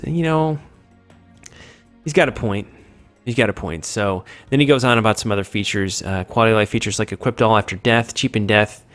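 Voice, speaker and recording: Rambling sick man hosting a chat. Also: on the low side. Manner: rambling, self-mocking, loses his train of thought. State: sick with a cold. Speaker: gaming show host. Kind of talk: casual chat.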